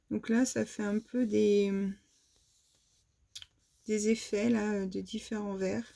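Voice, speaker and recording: In this casual show-and-tell, a French vlogger presents what she bought, stumbling through fillers and false starts. She speaks in a mid-range, gravelly voice with a warm tone.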